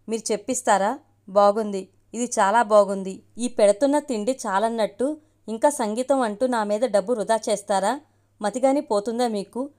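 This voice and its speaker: A woman's voice: a little high, a little mellow, close to an everyday voice. A woman voicing a wounded, proud young woman in a family story, speaking with bitter self-deprecation.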